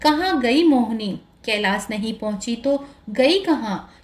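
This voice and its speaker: A woman's voice: a little high, animated, slow pace. A woman narrator voicing a commanding male god-king. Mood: alarmed, stern. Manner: commanding, declarative. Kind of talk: storybook narration.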